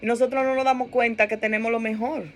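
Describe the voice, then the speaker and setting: A woman pastor preaching a sermon in an animated way, repeating phrases for emphasis and asking her listeners for agreement. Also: a little high, fast talker. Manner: animated preaching, laughs and acts out quoted complaints.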